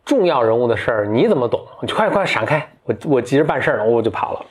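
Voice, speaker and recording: Arrogant young prince in a fairy tale, brushes people off, low-ish, a man reading it. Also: very animated, fast talker, slightly rough. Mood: eager. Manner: impatient, brusque.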